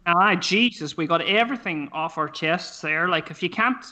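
A man's voice: sits high, moderate pace, sharp tone. A man with a Donegal Irish accent, chatting casually and swearing freely as a podcast guest.

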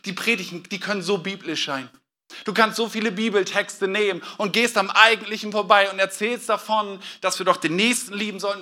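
A man preaching a sermon as pastor, animated and dramatic, acting out quotes with sudden loud outbursts. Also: sits high.

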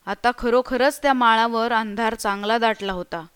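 A woman narrating a story in a steady, expressive reading voice. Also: a little high, moderate pace, clear, resonant tone. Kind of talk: scripted narration.

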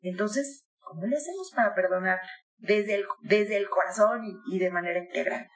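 A woman in her sixties giving conversational advice as a guest, animated, acting out quoted voices. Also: medium pitch, moderate pace. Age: 60s. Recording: echoey room.

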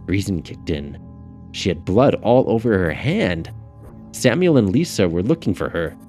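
A man narrating a novel in an audiobook, in a steady, measured way. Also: sits low. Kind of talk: scripted narration. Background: faint music.

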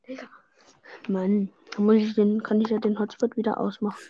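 A young woman hosts a casual podcast chat while gaming, teasing and exclaiming in slangy talk. Her mid-range voice is flat at a normal speed, and the audio is dull with heavy background noise.

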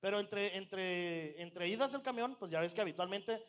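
A man's voice: high-pitched, normal speed, fairly bright tone. A young man with a Mexican accent telling a story to friends in a casual, slangy way, acting out the voices he quotes. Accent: Mexican Spanish.

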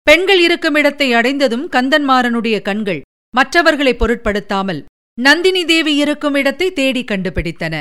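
A woman narrating a historical novel in steady, even storytelling. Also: sits high, moderate pace.

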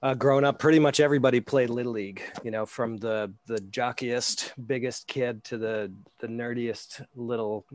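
A New York-born amateur baseball pitcher, appearing as a guest, rambles through casual anecdotes in a flat in Scotland. His mid-range voice is steady and moderately paced with few pauses, though he hesitates and leans on fillers a lot.

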